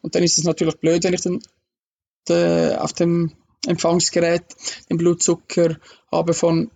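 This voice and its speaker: A man, a guest in a casual interview, explaining slowly with many fillers. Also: a little high, monotone, creaky, a little mellow, breathy edge.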